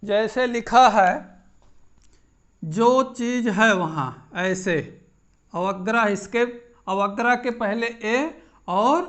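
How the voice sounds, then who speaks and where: Slow, patient, high-voiced male grammar teacher. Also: a bit bright. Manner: slow and patient, checks in with frequent "ठीक". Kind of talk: explaining grammar at a board.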